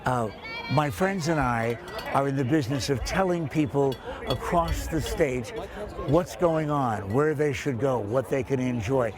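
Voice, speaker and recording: A man's voice: medium pitch, a little slow, a crowd in the background. A man working as a TV presenter, doing light, jokey interviews and narration on location. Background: music.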